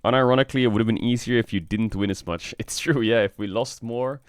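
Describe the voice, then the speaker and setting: A man streaming in casual chat, frank and rambling, swearing often, with a flat delivery because he just woke up. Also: fast, smooth, no echo, studio quality. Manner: flat, low-energy delivery. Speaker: streamer and esports team owner.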